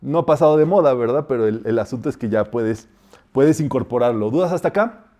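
Mellow-voiced man teaching decrees. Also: mid-range voice. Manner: calm, repeats decrees slowly and softly as a demonstration. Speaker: metaphysics teacher. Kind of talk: spiritual class with guided decrees.

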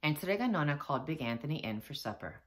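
Woman, teacher reading a picture book aloud, low voice, lively expressive pitch. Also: quick pace. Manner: expressive, animated storytelling. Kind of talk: children's read-aloud narration.

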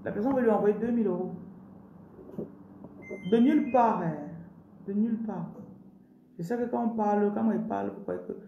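A woman's voice: medium pitch, quick pace, gravelly, echoey room, dull audio, a little hiss or hum. A woman with a Cameroonian French accent preaching a prosperity sermon on a live stream, declaring blessings and repeating her phrases.

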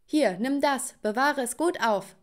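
A woman plays a tipsy middle-aged aunt who gushes and badmouths the family. Her voice rides high and loud with a sloppy, overfamiliar warmth. She belongs to an animated storybook. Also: unhurried. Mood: drunk gushing.

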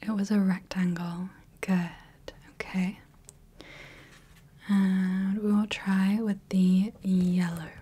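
A woman plays a gentle clinician in a whispered role-play, breathy and unhurried. She checks in kindly and reassures at every step. Her whisper is mellow and husky. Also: mid-range voice, level tone. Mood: soothing. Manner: soft, slow, reassuring, checks in often. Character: gentle female clinician testing the viewer's eyes. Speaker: ASMR creator playing a clinician running light tests.

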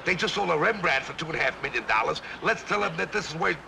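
An actor playing a good-natured, bumbling police officer, eager and excitable. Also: male voice, a little high, fast talker, gravelly. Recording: hissy old TV soundtrack.

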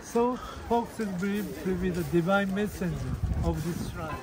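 A man's voice: sits high, moderate pace, low-quality recording. A man working as a tour guide, patiently explaining to visitors outdoors. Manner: patient, explanatory, uses fillers. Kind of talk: explaining to tourists. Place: outdoors at a shrine. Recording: loud outdoor noise, off-mic.

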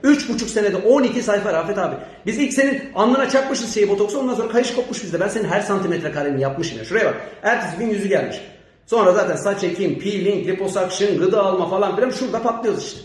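A man's voice: high-pitched, quick pace, heavy reverb. A man performing comic monologues, ranting in exasperation. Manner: exasperated rant. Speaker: comedian doing character monologues.

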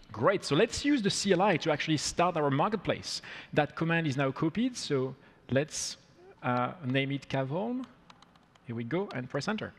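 A man in his thirties talks an audience through a live coding demo, upbeat and step by step. His voice sits a little high. The sound carries the long reverb of a big conference hall. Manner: upbeat, walks through steps as he goes. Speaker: product demo presenter. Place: large conference hall, on stage.

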